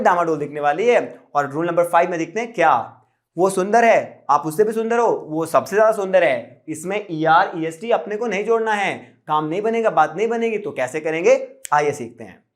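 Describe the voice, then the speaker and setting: A young man teaching English grammar in Hindi, casual and lively, asking questions and answering them himself. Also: fairly high pitch. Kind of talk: casual Hindi classroom explanation.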